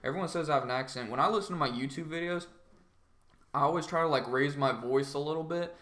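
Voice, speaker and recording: A fast-talking young man, his voice a little high and a bit bright yet groggy, chats loosely with viewers on a trading livestream. He meanders constantly, peppering everything with "like" and "um."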